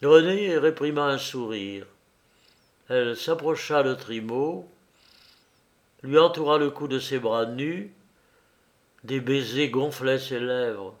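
A man reading a novel aloud as narrator, in measured, unhurried storytelling. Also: medium pitch.

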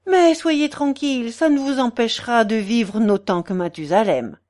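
A woman voicing a gossipy, meddling middle-aged concierge in a storybook reading, with a shrill, wheedling, theatrical manner. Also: expressive, moderate pace, a little mellow, natural voice. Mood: coaxing.

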